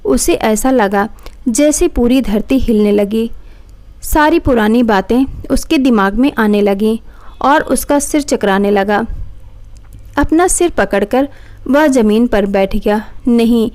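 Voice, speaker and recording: A woman reading a moral story aloud in an even, dramatic narration. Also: on the high side, takes it slowly.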